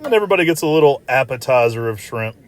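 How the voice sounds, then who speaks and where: A man's voice: medium pitch, sing-song, rapid-fire. A man giving casual, chatty voice-over commentary as a restaurant review vlogger, repeating himself informally.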